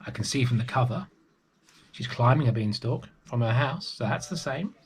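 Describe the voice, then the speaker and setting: This storybook reader for young children has a husky, medium-pitched voice and speaks at a moderate pace. His expressive reading of the picture book is sprinkled with friendly asides to his audience.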